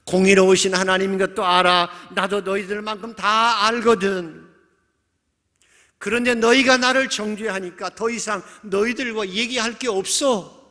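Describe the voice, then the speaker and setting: Pastor doing a desperate man crying to god, high bright voice, pleading. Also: steady tone, normal speed, vocal fry. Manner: anguished, pleading, rising loud cries. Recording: reverberant church hall.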